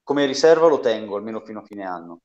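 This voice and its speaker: A man's voice: on the low side, big pitch swings, fast, darkish tone, lo-fi sound. A man chatting casually about football as a pundit, blunt and slangy, letting phrase endings trail off.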